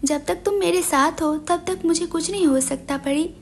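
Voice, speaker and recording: A woman's voice: very high voice, normal speed, vocal fry. A woman reading the lines of a drunk, childish young man who sulks and pleads in a storybook romance. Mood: sulky, tipsy. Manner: sulky, whiny pleading.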